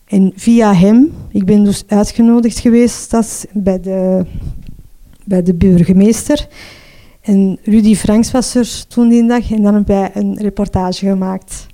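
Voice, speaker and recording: A middle-aged Flemish woman telling her own story as a mother, emotional and halting, often restarting and adding "hè". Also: medium pitch, fairly even intonation, mellow. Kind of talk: personal testimony.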